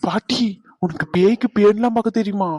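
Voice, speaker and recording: A voice actor playing a cheeky young grandchild in a cartoon who questions quickly. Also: medium pitch, mellow, dry recording, clean studio sound, natural voice. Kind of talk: cartoon voice acting. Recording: dull lo-fi sound.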